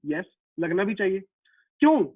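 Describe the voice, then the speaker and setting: This male physics teacher sounds very animated, speaking at normal speed in a voice that sits high. In his live online lecture he asks and answers his own questions, calls students "beta," and leans on everyday examples, all captured with a tinny, phone-like, echo-free sound.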